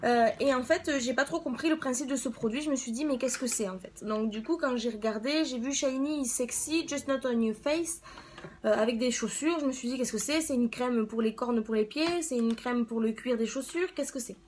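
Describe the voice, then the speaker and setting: A woman talks casually through a beauty review. She is conversational and a little hesitant, thinking out loud as she goes. There is faint noise behind her. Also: a little high, fairly quick, hardly any pauses. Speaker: beauty vlogger reviewing products. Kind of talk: casual spoken product review.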